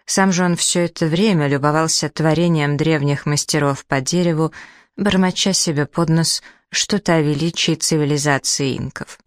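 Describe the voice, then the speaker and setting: An audiobook reader narrating a novel in a steady storytelling voice. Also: medium pitch, no room sound, clean studio sound.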